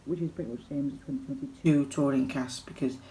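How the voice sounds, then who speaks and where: A woman's voice: extremely low pitch, fairly even intonation, fast talker, warm tone, poor audio. A young woman chatting to camera as a theatre vlogger, enthusiastic and full of fillers and restarts. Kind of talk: casual vlog chat to camera.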